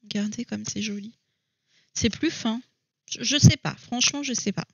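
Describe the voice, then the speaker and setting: A woman's voice: fairly high pitch, moderate pace, vocal fry, breathy edge, no echo, studio quality. A woman chatting casually to camera at home about her coloring books, thinking aloud and hesitating with many fillers. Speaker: coloring hobby vlogger.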